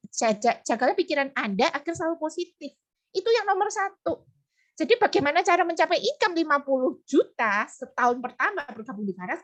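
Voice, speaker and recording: A middle-aged woman giving a motivational training talk for a sales network, repeating her points and acting out the people she quotes. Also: sits high. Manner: animated, repeats phrases, acts out quoted people.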